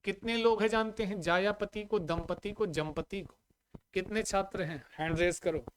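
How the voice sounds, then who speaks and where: High-voiced male Sanskrit teacher. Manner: drills students with repeated questions and checks on the audio; recites Sanskrit compound examples in a measured, chanting way. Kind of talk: live online grammar class.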